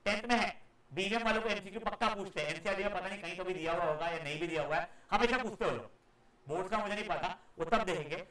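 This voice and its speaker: A male teacher giving a live classroom lecture, acting out echoes for his students, calling them "beta" and now and then scolding them loudly. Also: sits high, quick pace. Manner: demonstrative, acts out echoes and calls students "beta".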